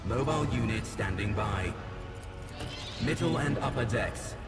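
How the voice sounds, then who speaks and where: An actor playing a cold, formal male machine guardian in a video game, with a booming metallic robot voice reporting in flat, clipped protocol lines. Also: measured pace, creaky. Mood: clinical. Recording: echoey hall, far off, loud game music.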